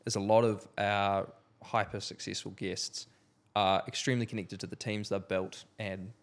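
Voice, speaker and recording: A male podcast host interviews his guest with an appreciative tone. His voice is low and sits in a gravelly fry. He asks measured follow-up questions. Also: little pitch movement.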